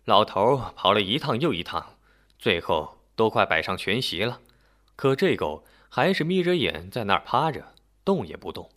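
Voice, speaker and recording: A man narrating a folk story in an expressive, animated telling. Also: on the low side, moderate pace.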